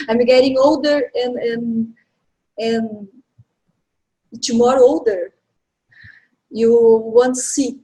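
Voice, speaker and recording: Brazilian woman in her 40s on a video call, slow and halting, kinda high voice. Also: rough recording. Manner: slow, halting, with soft laughs. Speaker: caller, healing instructor.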